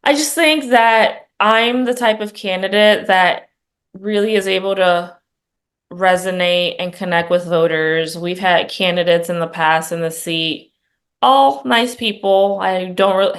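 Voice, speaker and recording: In a fairly low voice, this middle-aged Puerto Rican congressional candidate answers questions during a campaign interview. Her manner is earnest and conversational, often broken by ums and fresh starts.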